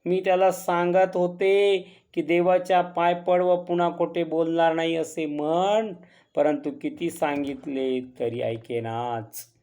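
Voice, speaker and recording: A man doing a village mother, stern but loving, scolding earnestly, raised pitch. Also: flat delivery, slow pace, a little mellow, smooth. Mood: reproachful.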